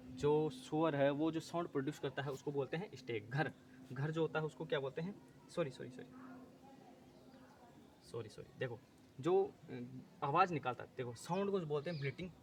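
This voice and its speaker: Speaking at normal speed with a somewhat raised pitch, a man leads exam preparation, repeatedly posing questions about each term and answering them himself. He pauses frequently to fix his own slips, while faint noise sits in the background.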